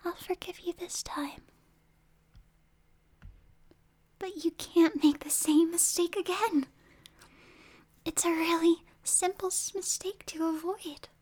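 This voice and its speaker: A possessive supernatural girl, played by a woman, murmurs to her human captive in an ASMR roleplay. Her voice sits very high and unhurried, mostly whispered and coaxing, with sudden sharp outbursts. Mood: unsettling, whispery. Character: possessive, unstable young supernatural girl captor.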